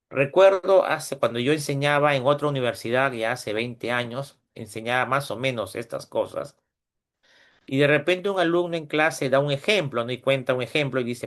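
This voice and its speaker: Lecturing his university class in Peruvian Spanish, a middle-aged Peruvian man keeps things conversational and keeps checking in with tag questions. He acts out anecdotes with quoted voices. His mid-range voice has a slightly bright quality.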